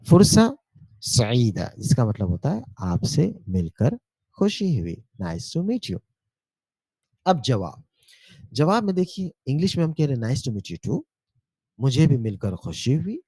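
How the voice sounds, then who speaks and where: A male teacher giving a spoken language lesson, explaining patiently, repeating words slowly and often asking checking questions. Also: mid-range voice, mellow, dry recording. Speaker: Arabic teacher.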